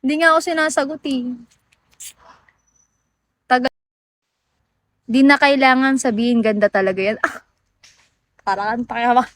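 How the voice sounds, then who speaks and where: A woman from the Philippines chats casually with viewers on a phone livestream, her voice sitting high. She teases, laughs often and slips easily between languages. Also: fairly even intonation, normal speed, long pauses, a bit bright, no room sound. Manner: playful and teasing, laughs often, mixes in English. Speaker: livestream host.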